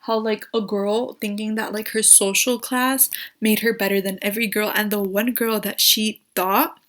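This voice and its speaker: A woman's voice: mid-range voice, fairly even intonation, moderate pace, a bit bright. Gushing young woman, like-filled chat. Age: young adult. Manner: gushing, says "like" constantly. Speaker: YouTuber reviewing shows. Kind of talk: casual recommendation chat.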